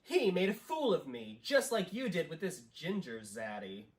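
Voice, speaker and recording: A woman voicing a catty, indignant male vampire prince in improvised role-play, with a theatrical, haughty, drawn-out delivery. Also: fairly low pitch, huge pitch swings. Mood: wounded, indignant.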